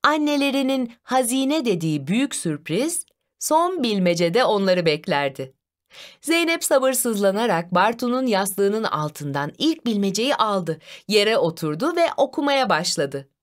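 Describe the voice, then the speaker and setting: A woman reading a children's story aloud in an expressive, sing-song storytelling manner. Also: medium pitch, measured pace.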